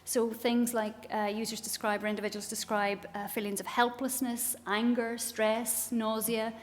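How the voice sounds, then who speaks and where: A woman's voice: fairly high pitch, level tone, normal speed. A middle-aged woman with a Northern Irish accent giving a formal research presentation. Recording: reverberant hall with faint noise.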